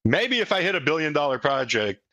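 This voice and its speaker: This man leads a crypto project and hosts an unscripted community call, his high-leaning voice bright and forceful with big pitch swings and a fairly quick pace. Earnest and emphatic, he repeats points to drive them home, with no echo on the audio.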